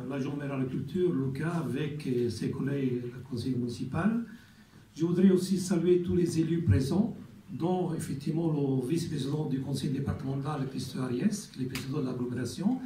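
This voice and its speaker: A man with an Italian accent giving a formal ceremony speech as a community representative, halting and repeating words. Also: a little high, mellow. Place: ceremony hall. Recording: echoey hall, from far off, faint noise.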